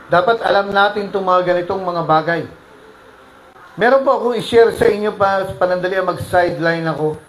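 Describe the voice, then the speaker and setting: A pastor preaching a sermon, mixing English phrases into his talk, with sudden loud rises and soft drops. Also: high voice, brisk, roomy sound, slight background noise, low-quality recording.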